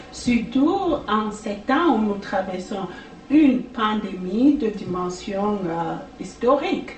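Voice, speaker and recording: In a casual video, a French-speaking woman tutors for language exams at a medium pitch, speaking slowly with lots of hesitations and fillers. The recording sounds echoey, with a distant mic and faint background noise.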